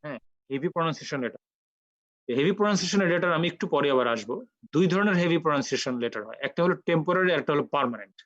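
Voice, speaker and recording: A man with a fairly high voice teaches recitation rules over an online call, patient and methodical, drilling each sound slowly. The audio is dull and lo-fi, close and dry with no room sound. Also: expressive, fairly bright tone, no echo. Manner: patient, explains step by step and repeats sounds slowly for practice.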